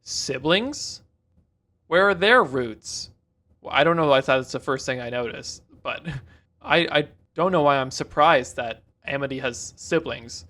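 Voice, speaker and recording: Talk as a guy reacting to a cartoon episode: mid-pitched and casual, restart your sentences freely, wander off track, toss in jokes as they come. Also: normal speed, bright, forceful tone. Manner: rambling, self-interrupting, jokey. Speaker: reaction video host.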